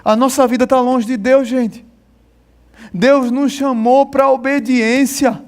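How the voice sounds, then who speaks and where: Brazilian pastor guy preaching in church, really high voice for a man, hammering the same phrases over and over. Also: steady tone, slow pace, a little mellow. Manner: emphatic, repetitive, talks to congregation directly. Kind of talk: sermon.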